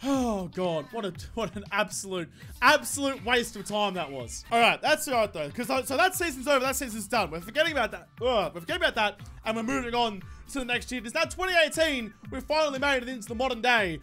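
High-pitched, exasperated Australian man. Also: lively intonation, fast talker, bright, forceful tone, soft background music. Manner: exasperated, sarcastic ranting. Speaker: gaming video host. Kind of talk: casual sweary gameplay commentary.

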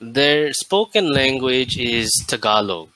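An American man in his late twenties tutoring English on a video call, relaxed and laughing often. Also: mid-range voice, slow pace, low-quality recording. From United States. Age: 20s. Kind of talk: casual video call chat. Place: indoor room.

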